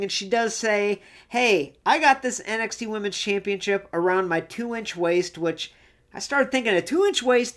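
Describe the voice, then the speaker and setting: A woman hosting a casual solo recap show, chatty and enthusiastic, who acts out the quotes she retells. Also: medium pitch. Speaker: wrestling recap host.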